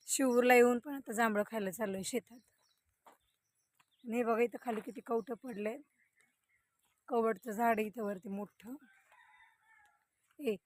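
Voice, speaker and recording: A young woman vlogging outdoors on a farm, chatting straight to viewers as she walks with a handheld phone. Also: on the high side. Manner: chatty, talks straight to viewers while walking. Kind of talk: casual vlog walkthrough. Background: faint wind and outdoor noise.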